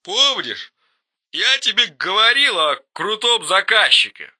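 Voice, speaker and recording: A man's voice: high-pitched, sing-song, measured pace, sharp tone, voice pushed up, heavily acted. A man voicing a drunk male auto mechanic calling a friend, slurring his words. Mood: drunk, complaining. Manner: slurring, tipsy.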